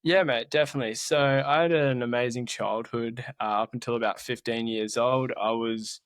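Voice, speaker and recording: This mountaineer, a young adult Australian man with a matching accent, speaks about his life as an interview guest in a relaxed, sincere way. He talks at a normal speed in a mid-range voice with fairly even intonation, and the recording is dry.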